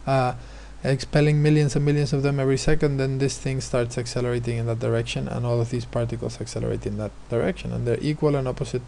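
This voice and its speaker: A man's voice: medium pitch, level tone, fast talker, vocal fry, few pauses, dark tone, a little hiss or hum. A male teacher explaining physics exam questions, hesitant, with many fillers and restarts. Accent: non-American, his remark says so.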